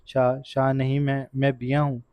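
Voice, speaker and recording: A man voicing a terrified young wife who pleads through tears in soft, broken, stammering words, in a dry, dull recording. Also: medium pitch, monotone, clean tone, no echo, close to an everyday voice. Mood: panicked.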